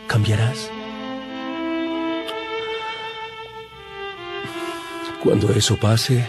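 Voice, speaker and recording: Jesus, a solemn low-voiced teacher. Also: male voice, a little mellow. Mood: grave, concerned. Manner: solemn, measured, earnest. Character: Jesus, calm solemn teacher addressing his disciples. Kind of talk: dramatized audio Bible acting. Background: music.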